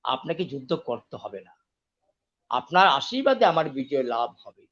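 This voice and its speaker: A man's voice: medium pitch, very animated, moderate pace, fairly bright tone, dull audio. A man voicing a humble, devoted young warrior in a retold epic, pleading respectfully.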